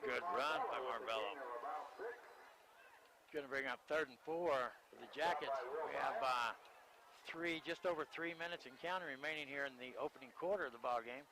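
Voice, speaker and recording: A man calling a high school football game on the radio from outdoors, mixing play-by-play with joking, self-deprecating banter. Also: normal speed, background noise. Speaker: play-by-play announcer.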